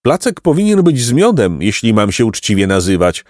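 A man's voice: fairly low pitch, very animated, a little fast, darkish tone, no room sound, clean studio sound. A man voicing Placek, a lazy, greedy young male creature in a storybook who blusters and makes threats. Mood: blustering.

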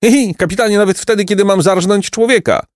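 A man's voice: sits high, quick pace, no room sound, studio quality, voice pushed up, natural voice. A man voicing a chubby robber who giggles through everything he says. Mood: giggly. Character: chubby giggling male robber, shiny-faced and merry.

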